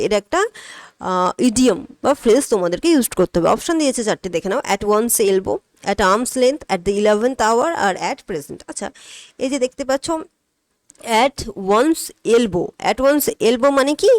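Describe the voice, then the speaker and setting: A woman teaching an English exam-prep lesson. She explains each answer step by step, poses questions and answers them herself, and reads the English items slowly. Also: on the high side, animated, a little mellow, no echo.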